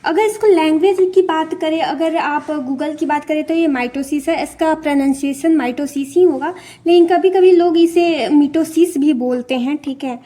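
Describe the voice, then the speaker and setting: A woman's voice: high-pitched, moderate pace, few pauses, dark tone. A young woman teaching an exam-prep lesson in a mix of Hindi and English, repeating key terms and often checking in with her listeners.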